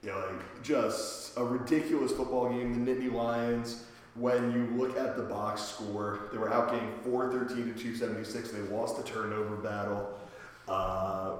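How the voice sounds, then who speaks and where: A hoarse man hosting a casual sports podcast, recorded in a home basement with heavy echo. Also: fairly low pitch, little pitch movement, moderate pace. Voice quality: worn-out voice from a night of cheering. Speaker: podcast host. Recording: very echoey basement with reverb.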